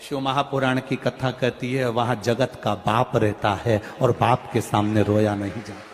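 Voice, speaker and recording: Animated man preaching in a hall. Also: mid-range voice, unhurried, slight background noise. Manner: animated, sing-song preaching with sudden loud rises. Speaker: religious storyteller. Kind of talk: devotional sermon storytelling. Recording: long hall reverb with faint music.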